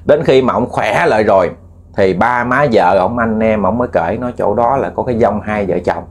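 A man's voice: lowish voice, normal speed. A man with a Southern Vietnamese accent telling a ghost story in a chatty, repetitive way, addressing listeners as family. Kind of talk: casual spoken storytelling.

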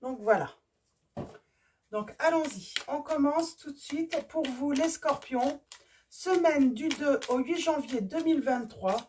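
A woman with a hoarse voice reading tarot cards for her viewers, casual and hesitant, often stopping to search for words. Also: high-pitched, takes it slowly, a little mellow, distant mic, slight background noise. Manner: hesitant, many fillers and restarts. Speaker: tarot reader. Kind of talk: casual card-reading video.

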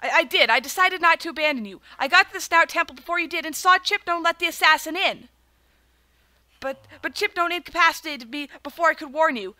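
A woman's voice: extremely high pitch, brisk, pushed and bright, dry recording, voice pushed up, exaggerated voice. A woman voicing a loyal, polite male companion from a block-building game, reading his lines in a formal way. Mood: earnest.

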